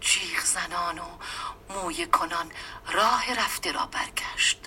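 A woman giving a dramatic storybook reading, often dropping into a hushed, half-whispered voice. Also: lowish voice, slight background noise. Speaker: story reader.

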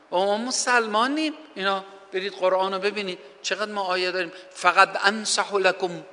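Fervent preacher man, bright voice, reverberant hall. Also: high voice. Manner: fervent, rhetorical questions, recites scripture in Arabic; addresses listeners as brothers and sisters. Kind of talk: sermon on family advice.

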